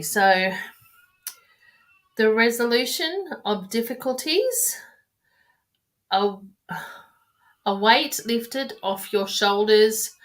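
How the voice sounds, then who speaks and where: A woman's voice: mid-range voice, fairly bright tone. A woman giving casual tarot readings on a live stream, chatty and affectionate, rambling and restarting her sentences as she talks to viewers. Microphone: webcam or phone mic on a live stream.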